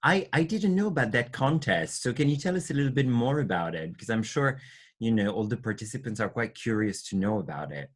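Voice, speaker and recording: A woman's voice: extremely low pitch, expressive, fairly quick, husky. Woman casually hosting a video-call interview. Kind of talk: conversational interview.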